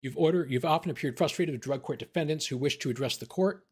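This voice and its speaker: A man hosting a livestream as an attorney, reading court documents aloud and commenting casually, his voice tiring and going hoarse. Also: a little high, quick pace, darkish tone. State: losing his voice.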